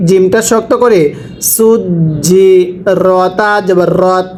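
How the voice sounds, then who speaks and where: Slow, drawn-out man teaching recitation. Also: high-pitched, fairly even intonation, a little hiss or hum, low-quality recording. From Bangladesh. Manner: spells out letters and vowel marks, then drawls the joined word very slowly. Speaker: Quran reading teacher. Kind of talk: slow call-and-repeat recitation lesson.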